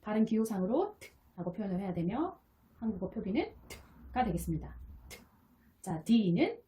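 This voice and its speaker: A woman's voice: medium pitch, big pitch swings, a little slow. A woman teaching English phonics, explaining patiently step by step and repeating each sound. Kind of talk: explaining lesson. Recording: soft guitar music behind. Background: quiet guitar music.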